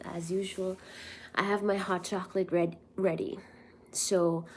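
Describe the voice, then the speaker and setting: A young woman hosts a relaxed livestream and chats easily with her viewers. Her voice sits a little low, and she takes her time, drawing her words out as she answers their messages. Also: a little hiss or hum. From India. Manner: chatty, greets viewers and answers chat messages. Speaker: livestream host. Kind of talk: casual livestream chat.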